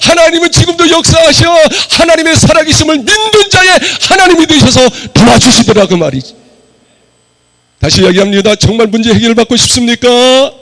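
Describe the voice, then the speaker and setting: A male pastor delivering a sermon in church, hoarse from a cold, rising to forceful shouted points and leading the congregation in reading aloud. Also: very high-pitched, expressive, a little fast. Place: church sanctuary.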